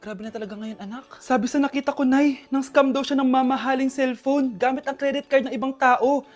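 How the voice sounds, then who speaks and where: A woman's voice: high voice, fairly even intonation, brisk, faint music behind. A woman performing short comedy skits, switching between characters as she voices every part herself. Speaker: sketch performer voicing all parts.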